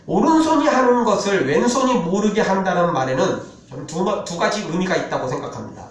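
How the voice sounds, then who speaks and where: A male pastor preaching a sermon with animated delivery, dropping to a solemn tone for scripture. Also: sits high, a little fast. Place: church sanctuary. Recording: echoey church hall, mic from a distance.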